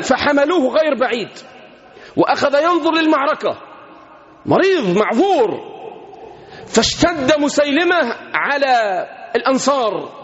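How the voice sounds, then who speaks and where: High-pitched impassioned Egyptian preacher. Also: male voice. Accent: Egyptian Arabic. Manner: impassioned, swings between hushed and shouted. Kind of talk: Islamic sermon. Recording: muffled recording in a reverberant hall.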